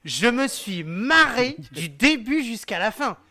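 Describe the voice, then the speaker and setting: A man speaking as a podcast guest, lively and defensive in a casual chat, often breaking into laughter. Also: extremely high pitch, takes it slowly.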